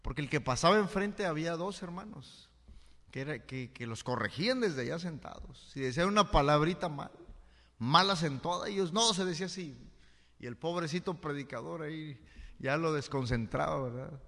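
A man's voice: fairly high pitch, expressive, normal speed, fairly bright tone. A male pastor giving a conversational sermon, often checking in with the congregation through rhetorical questions. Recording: long hall reverb.

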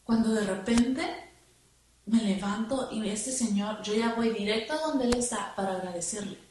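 A woman telling her testimony in church, halting and repeating words as she remembers. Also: fairly high pitch, darkish tone. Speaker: church member giving testimony. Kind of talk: spoken testimony. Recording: echoey room, far from the mic, noisy.

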